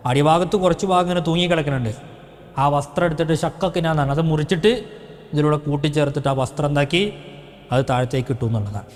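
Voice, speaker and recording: A man giving a religious talk as a preacher. He tells stories and keeps putting questions to his listeners. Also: fairly high pitch. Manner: storytelling with rhetorical questions to listeners. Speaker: Islamic preacher. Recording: long hall reverb.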